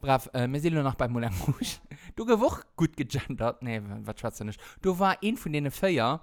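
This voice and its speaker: A man co-hosting a casual podcast, telling a story with lively acted-out quotes. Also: mid-range voice, normal speed. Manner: animated storytelling, acts out quotes and sings snippets. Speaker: podcast co-host.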